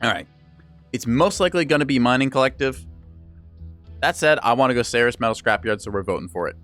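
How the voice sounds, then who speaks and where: A man's voice: brisk, soft background music. A man streaming a mech game, chatting casually and rambling as he plays, his voice starting to tire. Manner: chatty, rambling, lively pitch. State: voice starting to give out. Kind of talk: gameplay commentary.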